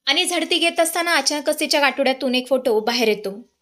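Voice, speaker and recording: A woman telling a story in a lively, dramatic way, recapping scenes and voicing the people in them. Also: sits high, brisk.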